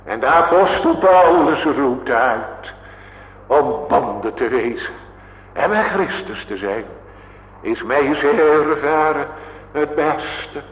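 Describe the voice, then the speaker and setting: Preacher in echoing church, tinny sound. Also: male voice, on the high side, expressive. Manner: fervent, drawn-out preaching with rising cries and hushed falls. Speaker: pastor. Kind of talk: sermon. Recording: echoey hall, tinny lo-fi.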